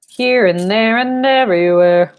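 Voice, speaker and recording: Leading a live-stream painting lesson from a home studio room indoors, a young woman instructor talks a little slowly in a low voice. Her delivery is rambling and chatty, with fillers and playful sound effects, picked up by a fixed camera mic in the room.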